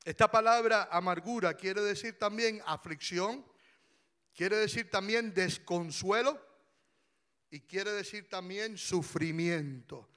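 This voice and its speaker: A man preaching a passionate sermon as pastor, rising to shouts and drawing his words out slowly. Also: sits high.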